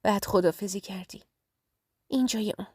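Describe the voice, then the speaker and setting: A woman's voice: medium pitch, darkish tone, breathy edge, dry recording, close to an everyday voice. A young man still in love with his former sweetheart, speaking in a tender and pleading way, as a woman narrator puts him on. His voice sits in an ordinary register and sounds dry and close in this audio story.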